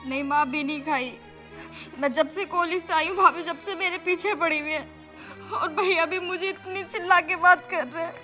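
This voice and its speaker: A woman as a shrill aggrieved college girl. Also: steady tone, normal speed, sharp tone, faint music behind. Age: young adult. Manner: complaining, tearful. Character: aggrieved young college girl, tearful and defiant.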